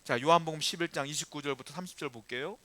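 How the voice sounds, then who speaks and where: A male pastor preaching a sermon, often asking the congregation rhetorical questions and swinging from quiet to loud. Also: fairly high pitch, racing, no room sound.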